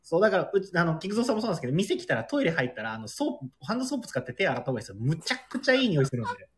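A man's voice: a little high, very animated, rapid-fire, a crowd in the background. A man who runs a board game shop, chatting politely and easily on a talk show. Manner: polite, easygoing storyteller. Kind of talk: casual chat.

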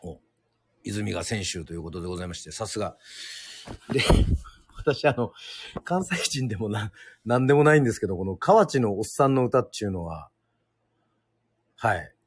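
A man from Yoron Island hosting a casual solo radio talk, speaking hesitantly with many fillers and pauses. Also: lowish voice, animated, husky. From Yoron Island, Japan. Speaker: radio show host.

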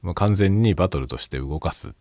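A middle-aged man chatting alone in a quiet, hushed late-night voice, reflective and self-deprecating. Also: deep voice, animated, fast, no echo, clean studio sound. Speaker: YouTube host. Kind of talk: casual late-night solo chat.

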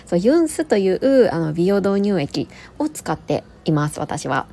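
A woman in her thirties hosting a casual solo podcast, reading out listener comments in a friendly, chatty way with soft fillers. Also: on the low side, big pitch swings, measured pace, gravelly. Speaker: podcast host.

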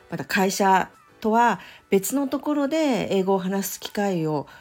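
Woman, pronunciation teacher, solo podcast, low pitch, gentle and thoughtful, faint background music. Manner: gentle, thoughtful, many fillers.

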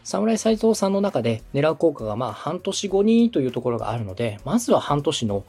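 This man, from Osaka, Japan, hosts a podcast, coaches and directs radio, sharing polite, encouraging explanations in a podcast dialogue. His voice is on the high side and brisk, with big pitch swings, a darkish tone and a breathy edge, faint music behind.

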